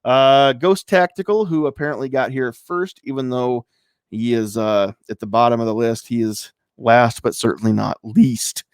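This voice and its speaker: Smooth-voiced man hosting a live podcast. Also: medium pitch, normal speed, no echo, studio quality. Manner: loose and rambling, many fillers. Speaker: podcast host. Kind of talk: casual live-stream chat. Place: home studio room.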